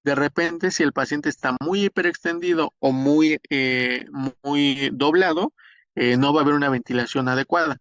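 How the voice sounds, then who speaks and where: A man's voice: fairly high pitch, moderate pace, fairly bright tone, no echo. A man with a Mexican Spanish accent giving a spoken lecture, explaining step by step, with frequent hesitations and restarts. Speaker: instructor. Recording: dull, dry lo-fi recording.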